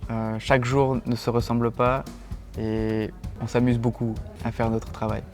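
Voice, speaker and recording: A man's voice: medium pitch, little pitch movement, a little slow. A young man from France, a circus base speaking easily and hesitantly in an interview. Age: young adult. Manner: easygoing, hesitant with fillers. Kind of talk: interview testimony. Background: guitar music.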